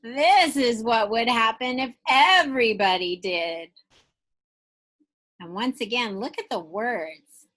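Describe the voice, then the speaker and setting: A woman teacher shares a picture book aloud with young kids, lingering expressively on phrases and addressing questions right to them. Her voice is slightly high, slow and fairly bright.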